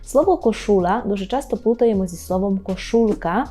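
A woman's voice: mid-range voice, animated, brisk, mellow. A woman teaching a video language lesson, patient and explanatory, who repeats each new word twice and often checks in with a questioning tag.

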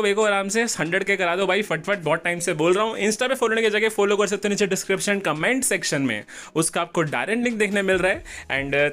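A man's voice: high voice, a bit bright. A man hosting a gaming video, talking casually and mixing English words into his Hindi. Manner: chatty, mixes English into Hindi. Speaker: gaming channel host. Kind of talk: casual video intro talk.

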